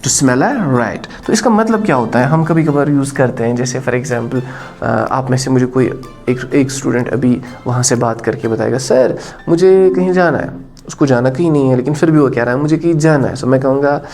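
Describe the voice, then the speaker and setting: A man's voice: mid-range voice, moderate pace, soft background music. A man teaching an exam-prep lesson, calling his students "bachcha" and mixing English into his explanations. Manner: addresses students as "bachcha", mixes English and Hindi, lively.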